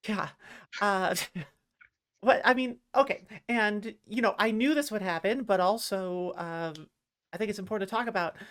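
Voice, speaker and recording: A woman's voice: medium pitch, moderate pace. Chatty woman hosting a livestream. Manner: chatty, laughs easily, reads out viewer comments. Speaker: livestream show host. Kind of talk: casual livestream interview.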